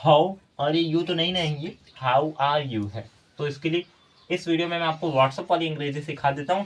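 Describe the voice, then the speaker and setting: A man teaching a spelling lesson, spelling out letters one by one and explaining patiently. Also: on the high side. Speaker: English teacher.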